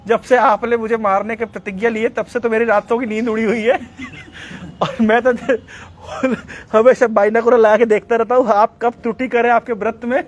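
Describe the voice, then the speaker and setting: A man's voice: extremely high pitch, little pitch movement, moderate pace, dull audio, a little hiss or hum. A man speaking as a young male god-king who admits he lost sleep watching for a chance to strike, told in a religious talk. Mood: anxious.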